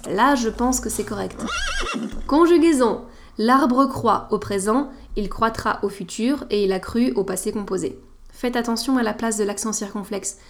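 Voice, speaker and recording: A woman's voice: mid-range voice, normal speed. A woman hosting a scripted educational podcast, didactic and playful with teasing asides. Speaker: podcast host.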